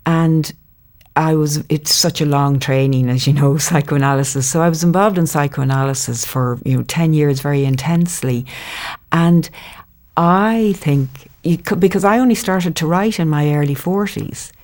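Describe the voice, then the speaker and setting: A middle-aged Irish woman, a poet talking thoughtfully in an interview and reading her poems slowly. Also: low-pitched, a little mellow. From Ireland. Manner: thoughtful, measured, slows down to read poems. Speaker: poet, guest. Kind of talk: interview conversation and poetry reading.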